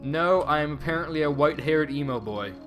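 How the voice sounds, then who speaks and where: A man's voice: on the high side, fairly quick, fairly bright tone. A man giving casual first-look game commentary in a wry manner, with quaint, old-fashioned turns of phrase. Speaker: gameplay commentator. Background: game music.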